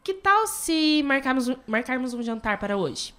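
An earnest young pregnant woman caught in forbidden love, acted by a woman for a radio soap opera. Her voice is high. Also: sing-song, moderate pace, fairly bright tone. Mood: affectionate.

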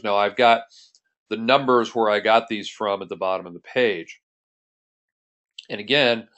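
An accounting instructor narrates a tutorial methodically, step by step, as a voice-over on a screen recording. His voice is lowish and a bit bright.

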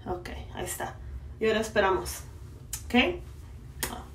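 A woman's voice: mid-range voice, fairly even intonation, normal speed. Casting a Mexican woman, playful beauty vlog chat, echoey room, distant mic. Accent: Mexican Spanish. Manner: chatty, playful, addresses viewers directly. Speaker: beauty vlogger. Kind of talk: casual chat while applying a face mask. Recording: echoey room, mic far off, faint noise.

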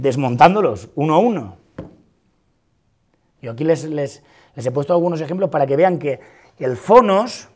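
A man's voice: high voice, a little mellow. A man giving a university lecture on philosophy of music, arguing emphatically and repeating words for stress. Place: large lecture hall.

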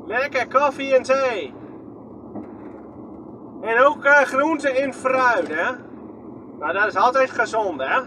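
Taking it slowly with long pauses, a very high-voiced vlogger from Groningen narrates his drive in a chatty, wandering way. He holds his phone as he films and asks himself questions, all against a noisy background.

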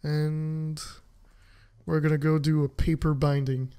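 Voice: mid-range voice, flat delivery, slow, warm tone. A game streamer giving casual, chatty commentary to viewers while playing, laughing often.

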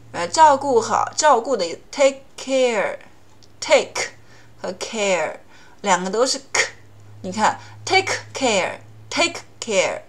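A woman teaching English pronunciation, explaining rules in Chinese and slowly repeating English example words. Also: mid-range voice, a bit bright. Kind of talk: language lesson.

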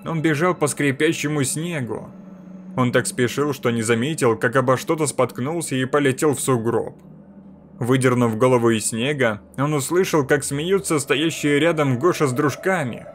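A man reading a scary story aloud as a scripted narration in a measured, even way. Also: medium pitch, a little hiss or hum. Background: faint music.

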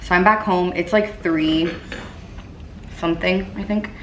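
A young woman talks to her camera in a casual, chatty vlog style. Her s sounds have a lisping whistle, and her voice sits on the low side. The recording is echoey, with clear noise in the room. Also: fairly even intonation, measured pace. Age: young adult. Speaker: vlogger. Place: rooms inside a house. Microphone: camera mic at about arm's length.

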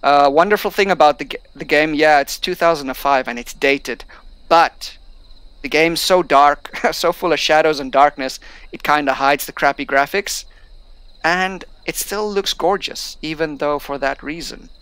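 Here a gameplay streamer, a young non-native English speaker, first reads tutorial text off the screen and then chats casually in let's-play style. His voice sits on the high side at a normal speed, with a fairly bright, clean tone and no room sound.

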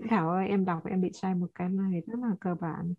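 A woman's voice: lowish voice, steady tone, a little fast. Brief: woman language teacher, patient explainer, thin phone-like audio. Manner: explains patiently, repeats and corrects pronunciation. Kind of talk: online class teaching.

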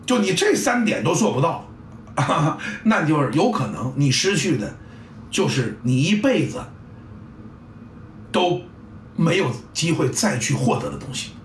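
A man's voice: on the high side, sing-song, measured pace, pauses often, slight background noise. A middle-aged man, a football coach giving a blunt, salty casual monologue and acting out sounds and scenes. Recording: roomy, distant mic, faint ambience.

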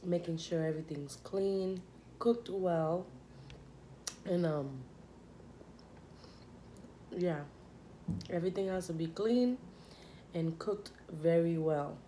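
A woman's voice: lowish voice, slow pace, long pauses, warm tone, slight background noise. A young woman chatting casually while eating on camera, rambling with lots of fillers and talking with her mouth full. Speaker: vlogger.

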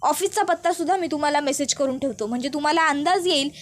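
A woman's voice: high-pitched, fast talker, close to an everyday voice. A woman voicing a scheming, angry young man who blames others and gives orders. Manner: blaming, commanding.

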